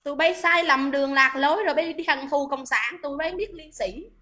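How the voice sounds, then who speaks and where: High, bright woman, taunting livestream rant. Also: brisk. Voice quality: scolding, taunting, repeats questions. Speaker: livestream host. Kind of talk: heated livestream arguing with commenters.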